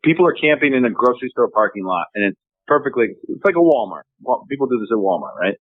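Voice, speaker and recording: Male co-host, lively pitch, tinny phone line, dry. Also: quick pace, dry recording. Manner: laughs often, chatty. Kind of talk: casual chat.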